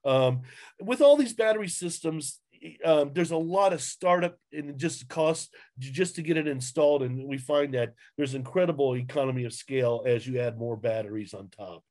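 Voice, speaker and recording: A man's voice: mid-range voice, a little mellow. A man presenting a webinar over a video call, talking through slides with frequent fillers and restarts. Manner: halting, many fillers and restarts. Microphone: webcam on video call.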